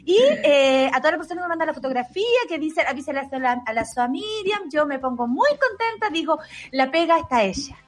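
A woman voicing a fussy older spinster civil servant with a shrill Chilean voice, prim and indignant, on radio comedy. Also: animated, fairly quick. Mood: chatty. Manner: prim, indignant, asks "¿ah?" a lot.

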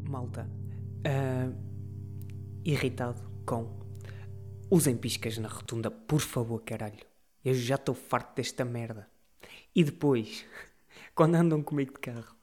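A man's voice: medium pitch, normal speed, pauses often, a little mellow, faint music behind. A young man with a European Portuguese accent, hosting a casual solo podcast and ranting with exasperation and frequent swearing. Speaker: podcast host.

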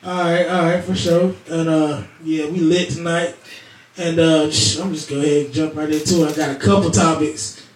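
Man, casual slangy host, a bit high, echoey room, mic at a distance. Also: steady tone, moderate pace. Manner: laid-back slangy banter, swears freely. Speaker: podcast host. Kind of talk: casual chat.

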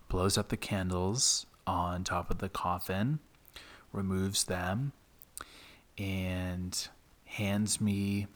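A man's voice: sits low, a bit bright. A man hosting his own podcast, telling a personal story in a reflective way, with many fillers. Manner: slow, reflective, with frequent fillers. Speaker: podcast host.

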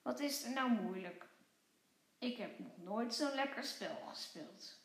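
A woman reading a children's storybook aloud, voicing a small playful mischievous male creature in a high squeaky voice. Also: lively intonation, measured pace. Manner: cheeky, bouncy, high squeaky voice. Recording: echoey room.

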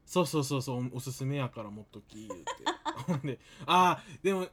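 Casual podcast host: young woman, Kansai accent, low register, very lively intonation, playful and dramatic. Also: fairly quick, slightly rough. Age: young adult. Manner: animated, playful, exaggerated reactions. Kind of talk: casual chat.

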